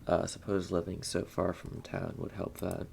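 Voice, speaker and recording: Young man, deep voice, heavy vocal fry, reading game text aloud, laid-back muttered asides. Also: level tone, normal speed, noisy background. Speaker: gaming channel host. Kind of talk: reading a visual novel aloud with casual commentary.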